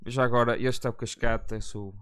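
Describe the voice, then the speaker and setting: A man's voice: medium pitch, steady tone, fast talker, fairly bright tone, smooth, dry recording. A man with a European Portuguese accent, co-hosting a casual comedy podcast, explaining the news in a dry, sarcastic way. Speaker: podcast co-host.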